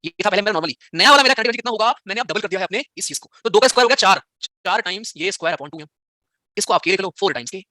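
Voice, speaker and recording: Fast-talking bright-voiced male teacher. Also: high voice, animated, no room sound, studio quality. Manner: teasing, scolds students by turns. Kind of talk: live online exam-prep class.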